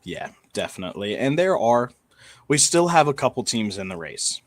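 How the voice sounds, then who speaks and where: A man's voice: medium pitch, very animated, normal speed, no echo. A man co-hosting a casual college football talk show, steadily laying out playoff scenarios point by point. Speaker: sports podcast co-host.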